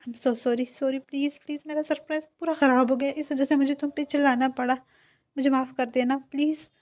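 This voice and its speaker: A woman voicing a curt young man who speaks quietly in a fan story reading. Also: high voice, fairly even intonation, a little fast, close to an everyday voice. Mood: pleading.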